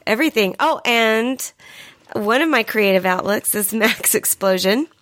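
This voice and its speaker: A woman co-hosting a podcast in casual, joking chat, laughing often, her voice rough from being sick. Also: fairly high pitch, animated, a little slow, fairly bright tone, dry recording. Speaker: podcast co-host.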